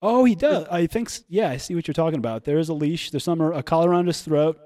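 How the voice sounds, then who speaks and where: A man's voice: on the high side, fast talker, dark tone, dry recording, studio quality. A man hosting a casual podcast, reacting to videos with crude banter and frequent laughter. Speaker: podcast host.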